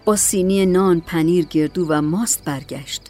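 A woman narrating a story in a calm, measured audiobook reading. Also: on the low side, soft background music.

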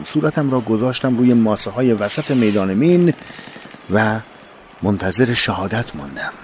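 A man reading a first-person memoir in a solemn, measured voice that often sinks low and soft. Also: slight background noise. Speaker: narrator of a war memoir. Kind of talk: scripted first-person narration.

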